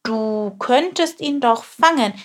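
Storybook sparrow, young and male, high, chirpy and cheeky, voiced by a woman. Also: slow pace. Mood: eager.

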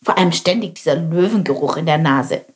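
A woman reading a children's storybook aloud in a lively, expressive way. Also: sits low, a little fast, faint music behind. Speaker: narrator.

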